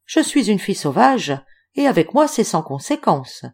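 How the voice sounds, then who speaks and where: A woman reading an audiobook voices a spirited, ingenuous young woman who speaks in bright, playful exclamations. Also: medium pitch, very animated, moderate pace, slightly rough. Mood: teasing.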